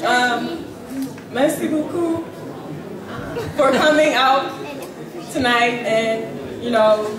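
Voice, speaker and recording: Female athlete, English native with foreign accent in French, halting, very slow thank-you speech, echoey hall with loud crowd. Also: a little high, distant mic. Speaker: basketball player.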